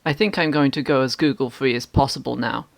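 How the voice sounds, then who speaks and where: Mid pitched voice reading online comments out loud, measured, fake serious. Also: creaky.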